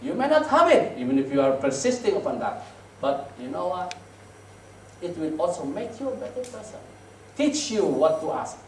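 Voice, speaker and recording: A pastor giving a storytelling sermon, animated and swinging from loud to hushed. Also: male voice, sits high, moderate pace. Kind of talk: storytelling sermon, mixing Tagalog and English. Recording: roomy, distant mic, faint noise.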